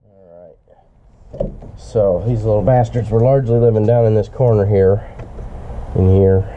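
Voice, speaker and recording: A man's voice: fairly low pitch, fairly even intonation, unhurried, dark tone. A man with a stuffy, congested voice, rambling with lots of fillers as he narrates a car repair. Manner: rambling, filler-heavy, mildly profane. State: congested from a cold, stuffy nasal voice. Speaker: car hobbyist doing repairs. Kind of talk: casual DIY narration while working. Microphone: action camera on the job. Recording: dull lo-fi camera audio with noise.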